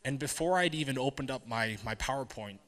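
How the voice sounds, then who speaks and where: Male keynote speaker, bright tone, halting earnest delivery, reverberant hall. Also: mid-range voice. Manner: earnest, halting with many fillers and restarts. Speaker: conference speaker. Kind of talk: live presentation to an audience.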